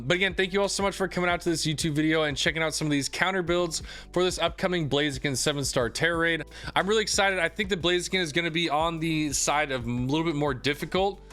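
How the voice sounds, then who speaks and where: This upbeat young man, a YouTuber who covers games, talks through a laid-back guide full of filler words. His slightly hoarse voice is a little high and somewhat bright.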